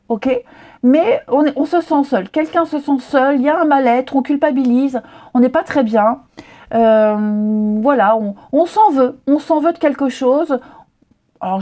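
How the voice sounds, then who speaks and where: A woman's voice: high voice, mellow. A woman giving a casual daily tarot reading, chatty and reassuring, with many fillers and restarts. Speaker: tarot reader.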